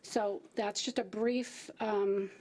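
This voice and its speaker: A middle-aged woman at a podium microphone gives a staff briefing to a city council, speaking conversationally with fillers and restarts. Her medium-pitched voice is steady, slow, and darkish.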